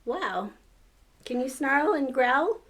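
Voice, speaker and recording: A woman's voice: high voice, lively intonation, slow. An older woman with a grandmotherly manner reads a children's story aloud, coaxing and encouraging with playful asides.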